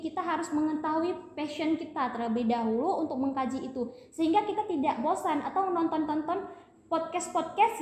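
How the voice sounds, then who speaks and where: A young woman from Aceh, a student guest chatting casually on a podcast, explaining with lots of fillers. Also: high voice. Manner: chatty, explains with many fillers, addresses listeners as guys. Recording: echoey room with faint noise.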